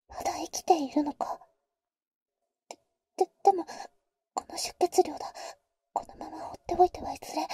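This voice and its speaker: For a Japanese ASMR audio drama, a woman plays a protective big-sister vampire in intimate whispers, shaken and urgent. Her high, breathy, dark-toned voice often sinks to a whisper, with slow, halting tsundere phrasing that is blunt yet tender. She is very close to the mic, and the sound is completely dry.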